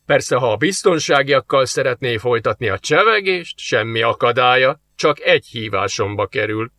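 A man reading aloud, voicing a suave, mocking male demon who talks slowly and teasingly. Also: mid-range voice, expressive, sharp tone, dry recording. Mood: smug. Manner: smug, slow and teasing.

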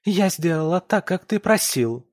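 A man playing a shrill furious young woman. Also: lively intonation, drawn-out words, sharp tone, no echo, clean studio sound, full character voice. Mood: furious shouting. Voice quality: shrill, screaming.

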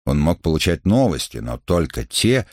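A man narrating a historical novel as an audiobook, in a measured literary reading. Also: a bass voice, big pitch swings, darkish tone, no room sound, studio quality. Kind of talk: scripted narration.

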